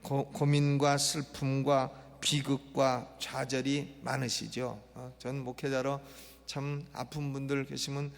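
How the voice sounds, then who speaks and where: A middle-aged male pastor preaching an expository sermon, emphatic and repetitive, prodding the congregation with quick questions. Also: medium pitch, level tone, gravelly. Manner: emphatic, repeats phrases, prompts the congregation with "eh?". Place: church sanctuary. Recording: long church reverb.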